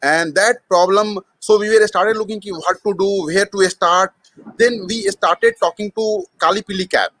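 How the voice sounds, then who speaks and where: Higher-pitched Indian man telling his story. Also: normal speed, fairly bright tone, no echo. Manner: hesitant, frequent mid-sentence Hindi switches. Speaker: startup co-founder, interview guest. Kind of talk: conversational personal storytelling.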